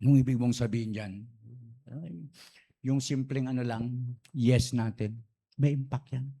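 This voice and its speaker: A man's voice: mid-range voice, measured pace, gravelly, warm tone, slightly rough. A man preaching a sermon, telling a story and slipping between Tagalog and English phrases.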